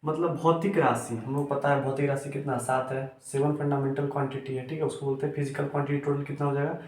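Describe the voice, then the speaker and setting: A man's voice: mid-range voice, level tone. Echoey male tutor repeating key terms. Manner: repeats terms slowly, asks and answers own questions; mixes English terms into explanation. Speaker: chemistry tutor. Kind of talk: classroom lecture. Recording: echoey room.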